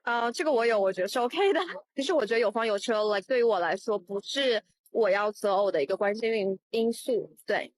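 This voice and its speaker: A young woman answers questions in a street interview, hesitating and slipping in English words. Her voice sits somewhat high. The sound is dry. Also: fairly quick, dry recording.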